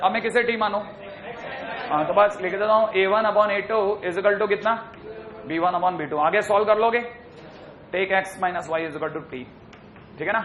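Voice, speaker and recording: A man teaching math in a classroom lecture, brisk and chatty, teasing his students as he works through problems. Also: high voice, fairly bright tone, slight background noise.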